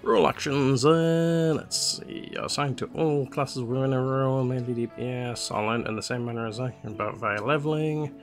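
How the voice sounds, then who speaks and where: With faint music behind him, a let's play host talks about his gameplay in a mid-range voice at normal speed, pausing little. His nose is a bit congested from a cold, and his relaxed, rambling chatter is full of "uh" fillers.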